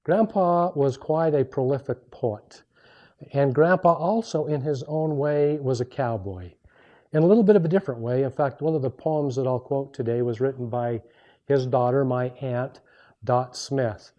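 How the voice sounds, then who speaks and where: A man introducing and reciting homespun cowboy poetry in an unhurried storytelling way, with measured rhymed phrasing. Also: medium pitch. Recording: dull, muffled lo-fi sound.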